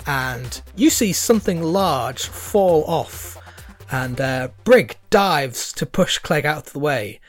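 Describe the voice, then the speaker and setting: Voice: medium pitch, lively intonation, takes it slowly, soft background music. A game master narrating a tabletop role-play game, improvising in an amused, hesitant way.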